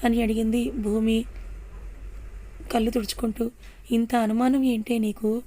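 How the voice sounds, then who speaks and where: A woman narrating a romantic audio story and speaking each character's lines herself, softly expressive. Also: a little high, a little slow. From Telugu-speaking India.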